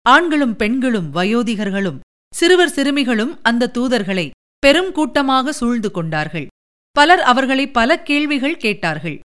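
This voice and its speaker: A woman narrates a historical tale in a scripted, expressive reading. Her voice is smooth and resonant, and sits somewhat high for a woman.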